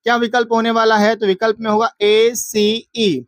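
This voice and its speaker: In a dry, close recording, a high-voiced man walks through exam answers like a teacher at a moderate pace with a completely flat delivery. He reads each question aloud, answers it himself, and repeats key words to drill them in.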